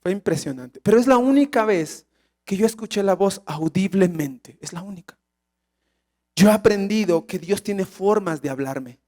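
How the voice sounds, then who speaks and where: A man preaches to his congregation in a notably high voice. He speaks with animated emphasis and keeps tossing out rhetorical questions for the church to answer. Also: normal speed. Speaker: pastor. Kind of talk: sermon.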